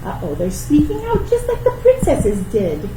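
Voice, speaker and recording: Her voice sits high and swings widely in pitch as she runs a library storytime at a moderate pace, reading and teaching rhymes to small children with simple encouragement. The audio is roomy, from a distant microphone, with noise in the background.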